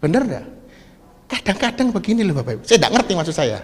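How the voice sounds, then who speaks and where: Man, East Javanese accent, lay preacher, middle-aged, rather high voice, long hall reverb, keeps asking the crowd questions, rises to shouts. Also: big pitch swings, fast talker. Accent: East Javanese Indonesian. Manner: asks the audience questions, mixes Javanese words, builds to loud shouting passages. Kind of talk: sermon to a congregation.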